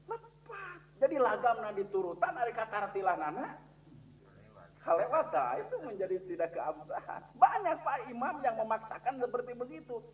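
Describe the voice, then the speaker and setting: A man's voice: extremely high pitch, very animated, distant mic, a little hiss or hum. A man with a Sundanese accent teaching a religious lesson in a mosque, asking his listeners questions as he goes. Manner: mixes Sundanese into Indonesian, asks listeners questions; chants Quranic verses slowly and loudly as examples.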